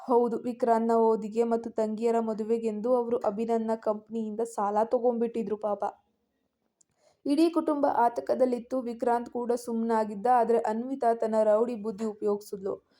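A woman storyteller narrating a dramatic family story in an expressive way. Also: fairly high pitch, moderate pace.

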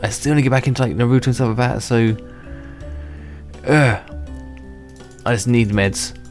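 At normal speed and medium pitch, with a darkish tone, a young man narrates his gameplay for his gaming channel in a loose, rambling way. He chuckles to himself and restarts sentences, his voice a little worn from sickness, over faint background music.

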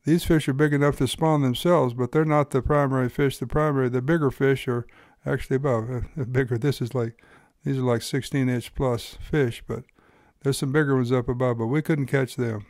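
A man's voice: mid-range voice, fairly even intonation, fairly quick, hardly any pauses, a little mellow, no room sound, clean studio sound. A man hosting and narrating his own fishing video in an easygoing, folksy explaining manner. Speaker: fly-fishing guide and host.

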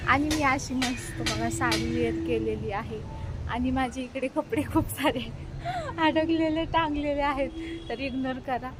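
A woman's voice: sits high, fairly even intonation, unhurried, reverberant. A woman in her thirties chatting to her viewers in a casual vlog, filmed on a phone she holds herself, first at her home terrace and then in a furniture shop. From India. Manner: chatty, addresses viewers directly, haggles loudly. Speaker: vlogger. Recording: noisy phone recording with traffic.

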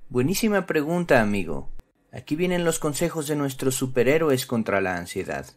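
A man's voice: medium pitch, sing-song, moderate pace. A man presenting scripted narration for children, instructive and speaking to them directly. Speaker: presenter of a children's psychology channel.

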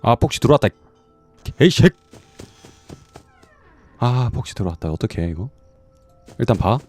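Panicking male gamer with wildly swinging pitch. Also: animated, fast, darkish tone, dry recording, faint music behind. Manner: panicking gamer, screaming and swearing at scares. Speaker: gamer hosting a horror game playthrough. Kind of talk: live game commentary, casual reactions.

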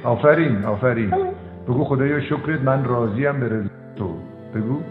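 A man counsels in a calm, firm voice, repeating short commands again and again. He sounds tinny and phone-like, in a roomy, reverberant space with faint music underneath. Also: medium pitch. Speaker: counselor addressed as doctor. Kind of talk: counseling session with a storytelling aside.

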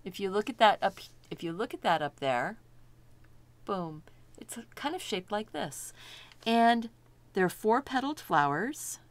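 A woman's voice: medium pitch, very animated, measured pace, no echo. A middle-aged woman teaching a step-by-step painting lesson, chatty and thinking aloud as she works, delighted by her own results. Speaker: art instructor.

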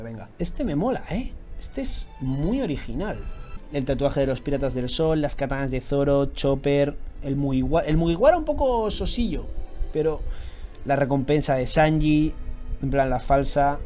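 A young man with a Spanish accent from Spain, giving casual, slangy reaction commentary with loud excited outbursts. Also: on the high side. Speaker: YouTuber reviewing fan tattoos.

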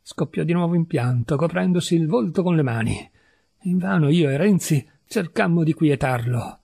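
Male reader for a literary audiobook, husky tone, slightly high voice, measured and expressive first-person storytelling. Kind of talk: audiobook reading of a short story.

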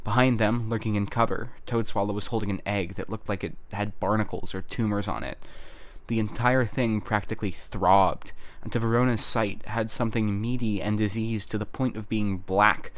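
Brief: male narrator, lowish voice, measured reading for a fan audiobook. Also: steady tone. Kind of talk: scripted narration.

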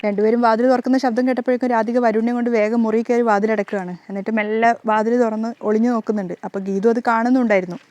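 A woman recapping a TV serial in casual, animated storytelling narration with a dramatic flair. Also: on the high side, racing, few pauses.

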